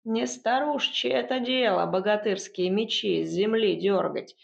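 A woman reading an audiobook performs a spiteful old witch who creaks and sneers, pitched high above a plain speaking voice. She mocks and scolds, stretching her words out slowly, and the recording sounds dull and lo-fi. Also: full character voice. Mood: sneering. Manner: mocking and scolding.

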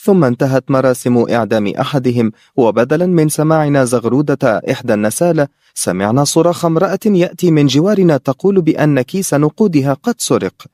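A man narrating a novel as an audiobook in a steady, even storytelling voice. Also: medium pitch, fast talker, no echo, clean studio sound.

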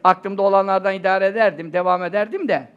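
A man's voice: high-pitched, steady tone, fast, clean tone, highs cut off. An older man preaching in an informal, rambling religious lecture, talking conversationally with rhetorical questions and asides to his listeners.

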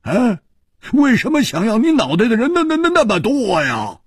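A man voicing a boisterous, mocking swordsman who talks high, fast and teasing. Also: wildly swooping pitch, a little mellow, breathy edge, no room sound, clean studio sound, exaggerated voice.

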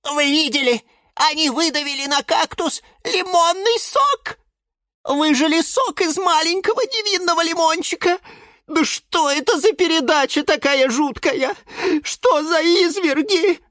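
A man's voice: very high-pitched, lively intonation, measured pace, sharp tone, no room sound, clean studio sound, voice pushed up, exaggerated voice. A man reading a children's audiobook voices an outraged little male lemon who screams near tears.

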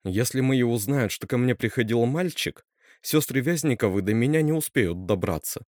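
A man's voice: mid-range voice, expressive, normal speed, a little mellow, no echo, studio quality, lightly acted. A man voicing a wry, teasing teenage girl in a read-aloud horror story.

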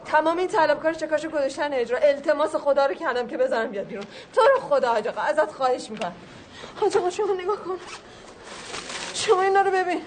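A woman's voice: high-pitched, expressive, a little hiss or hum. An actress playing a distressed wife who begs a judge to show mercy to her husband. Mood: pleading. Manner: pleading, begging.

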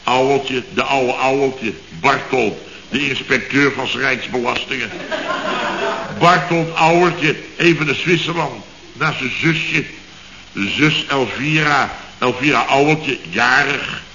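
A man's voice: medium pitch, a little slow, bright, forceful tone. A man acting a boastful worker at a building firm, telling his anecdote in short punchy bits in a 1960s radio comedy. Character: boastful male worker spinning a tall tale. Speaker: employee at a building contractor's firm. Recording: dull old radio broadcast recording.

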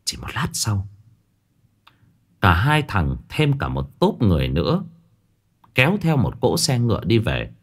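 A man narrating a ghost story in a dramatic, expressive way. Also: on the low side, unhurried, pauses often.

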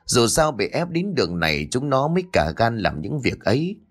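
A man voicing a kindly, thoughtful old village scholar who speaks in a low, calm murmur. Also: normal speed, faint music behind.

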